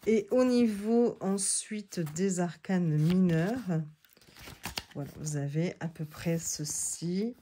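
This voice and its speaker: A woman's voice: on the low side, takes it slowly, dark tone, a little hiss or hum. A woman chatting casually as she reviews tarot decks, often hesitating and restarting, and reading card texts aloud. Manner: hesitant, many fillers and restarts. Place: seated indoors on a creaky chair.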